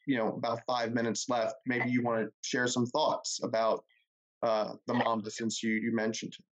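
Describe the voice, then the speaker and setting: A male interview host who speaks in a flat, even tone and strings together long, rambling, affirming sentences. His voice comes through on dull, lo-fi audio. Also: medium pitch. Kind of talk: casual interview chat.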